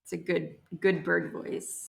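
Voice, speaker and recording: A woman's voice: on the low side, flat delivery, takes it slowly, vocal fry. A woman chatting casually as a player in a tabletop game. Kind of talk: casual chat.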